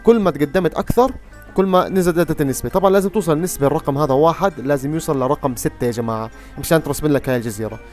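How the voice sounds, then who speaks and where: A young man talks through his gameplay at a rapid clip, often breaking into excited exclamations. His voice sits a little high. Game music plays quietly behind him. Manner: excitable, yells and exclaims at surprises. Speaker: gaming youtuber. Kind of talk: live gameplay commentary.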